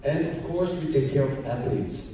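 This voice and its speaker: A middle-aged man presents at a conference in a plain, explanatory way, pausing often on um and uh. His voice is mellow and rather dark. It is recorded from far off in a large hall with heavy echo. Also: on the high side. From Austria. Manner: plain, explanatory, with frequent um and uh pauses. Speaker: conference speaker. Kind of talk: presentation talk.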